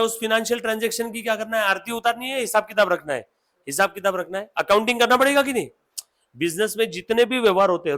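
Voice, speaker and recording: A man's voice: high voice, a bit bright. A man from India teaching accountancy in a classroom, mixing Hindi and English and often asking his students questions. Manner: dictates notes slowly. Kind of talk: classroom lecture.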